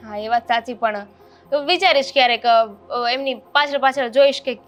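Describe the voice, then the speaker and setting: A young woman playing a polite neighbour who hesitates and reasons calmly with an older woman in a family drama. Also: high-pitched, normal speed, lightly acted. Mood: reasoning. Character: young woman neighbour, friend of the daughter-in-law. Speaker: neighbour character. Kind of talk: amateur family drama acting.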